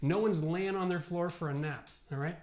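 A tired man in his forties from Canada, explaining basement renovation at a whiteboard in an emphatic, animated way. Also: fairly high pitch, moderate pace. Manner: animated, emphatic, rising to passionate rants. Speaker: renovation expert host. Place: studio set with whiteboard, indoors. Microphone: lapel mic.

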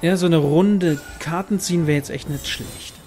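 A man hosts a gaming video in a fairly high voice. He comments casually, muttering his thoughts aloud over game music. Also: normal speed, a little mellow. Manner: thinking aloud, muttering to himself. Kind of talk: casual let's play commentary.

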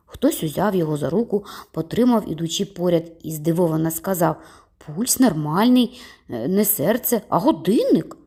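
Woman narrator, husky, gravelly, lively storybook reading. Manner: lively, voices characters with raised pitch. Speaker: audiobook reader. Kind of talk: storybook narration with voiced dialogue.

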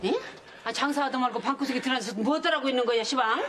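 A woman's voice: high-pitched, racing, background noise, lightly acted. A woman playing a wailing scheming mother-in-law. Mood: scolding. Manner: loud, wailing, rustic folksy speech. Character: scheming fawning middle-aged mother-in-law. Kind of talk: television drama acting.

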